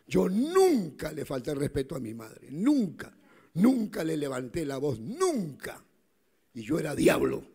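A middle-aged male pastor preaching a sermon, swinging from fervent shouts to hushed storytelling. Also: a little high, huge pitch swings, a little slow, breathy edge. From South America.

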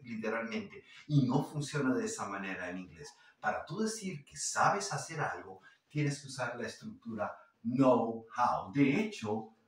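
A man giving a language lesson, explaining points and then saying each phrase again and again at a slow, careful pace. His pitch swings up and down a lot. He sounds a little away from the mic in a very echoey room. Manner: explains then repeats English phrases slowly, lively intonation. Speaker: English teacher. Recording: roomy echo, voice from some distance.

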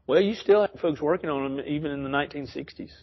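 A man's voice: fairly high pitch, fast, lo-fi sound. A man teaching an informal Bible study in a church, rambling and correcting himself as he explains. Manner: rambling, self-correcting, chuckles often. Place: church classroom.

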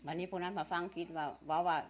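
A woman's voice: fairly low pitch, flat delivery, very fast, muffled recording, a little hiss or hum. A woman with an Isan accent from northeastern Thailand, chatting casually and teasingly while eating, laughing often. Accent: Isan (northeastern Thai), Tai Yo. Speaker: vlogger.

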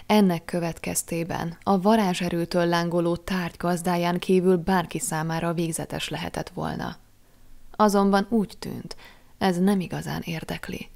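A woman narrates an audiobook in a low, gravelly voice, her delivery measured and expressive.

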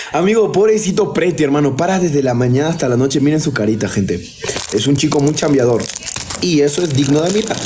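A man's voice: on the high side, a little mellow, slight background noise. A man hosting a live stream, hyping his viewers and thanking supporters by name. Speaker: livestream host. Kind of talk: TikTok live stream chat.

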